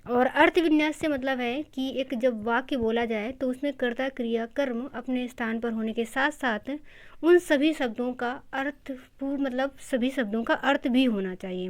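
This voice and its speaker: A woman teacher giving an exam-prep lecture, explaining step by step, repeating key terms and mixing in English words. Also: on the high side.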